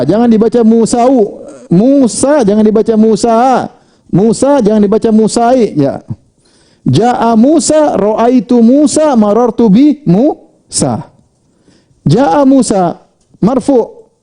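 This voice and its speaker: A man teaching an Arabic grammar lesson, drilling with rhetorical questions, reading example phrases out slowly, and rising high for questions before dropping low for the answers. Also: warm tone. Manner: pitch swings widely between questions and answers. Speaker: Islamic studies teacher.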